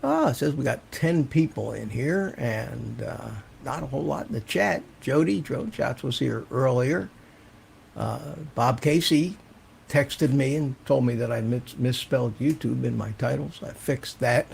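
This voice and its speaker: Older man, creaky gravelly voice, casual live stream host, halting rambling delivery, low fan hiss in the background. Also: a little mellow. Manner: halting, rambling, repeats words. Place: warm indoor room. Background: hissing fan.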